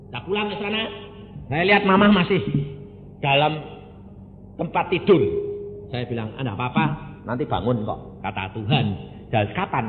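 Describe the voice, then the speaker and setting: An older man with a Javanese accent, an evangelist telling a story in a sermon, swinging between loud exclamations and low asides. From Indonesia (Jepara, Central Java). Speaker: evangelist preacher. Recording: phone-like narrow sound in a reverberant hall with faint hiss.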